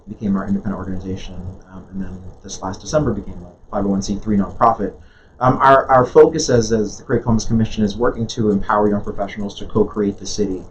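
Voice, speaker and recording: Earnest low-voiced man in interview. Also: a little mellow. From Jamaica. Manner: earnest, many restarts and fillers. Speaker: guest, nonprofit leader. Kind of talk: conversational interview. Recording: dull lo-fi sound with faint noise.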